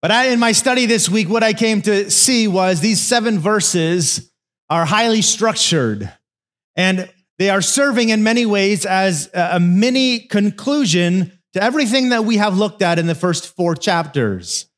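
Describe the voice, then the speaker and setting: Pastor, male, fairly high voice, relaxed sermon delivery with jokey asides. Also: a little slow. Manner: conversational storytelling, joking asides.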